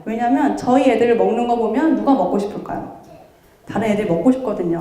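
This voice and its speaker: A woman in her thirties giving a lively lecture, telling her own stories and acting out what she once said. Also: a little high. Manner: animated, acts out her own past remarks in voices. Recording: very echoey room.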